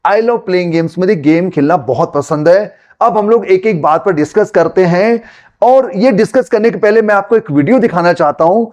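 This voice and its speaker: A man from Gujarat with a Gujarati accent, a native Gujarati speaker, teaching spoken English in a relaxed conversational way and slowly repeating example sentences. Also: high-pitched, muffled recording. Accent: Gujarati-accented Hindi. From Gujarat, India.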